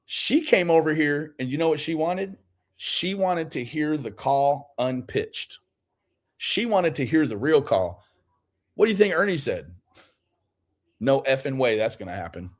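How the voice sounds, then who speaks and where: A man with a fairly high, bouncing voice that swings up and down as he teases and laughs through his commentary. He talks over a clip in a sarcastic, mocking way. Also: expressive, measured pace. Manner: laughs often, teasing and sarcastic. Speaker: streamer reacting to a call.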